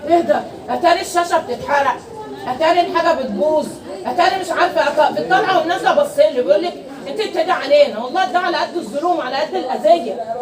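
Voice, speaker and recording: A woman's voice: sits high, very fast. An older woman with an Egyptian Arabic accent, ranting and quarreling in a heated street argument, laughing bitterly between complaints. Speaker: landlady in a street dispute. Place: outdoors on a street. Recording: street crowd behind.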